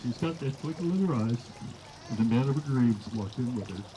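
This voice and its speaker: A man's voice: mid-range voice, animated, brisk. A middle-aged man giving an informal wedding toast as father of the bride, telling stories in a folksy way. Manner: folksy storytelling, acting out quoted dialogue. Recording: live event with clear background noise.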